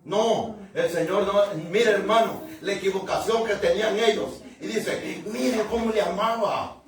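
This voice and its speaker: A male pastor with a high voice preaches from the Bible in a loose, chatty way, chuckling and calling out to his listeners. He breaks into sudden shouts to drive points home. The sound is very echoey and distant, picked up from far across the church. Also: fairly even intonation, a little slow. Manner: conversational, often chuckling and calling out to the congregation; rises to sudden shouts for emphasis. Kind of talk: Bible-reading sermon. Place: church sanctuary. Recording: very echoey room, mic from afar.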